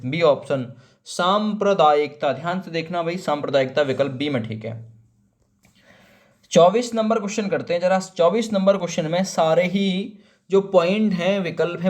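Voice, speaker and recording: A man with a slightly raised, friendly voice leads an exam-prep spelling lesson. He goes through each option, answers his own rhetorical questions, and slows to spell tricky words out piece by piece. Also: on the high side. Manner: familiar, calls viewers friend and brother. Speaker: teacher.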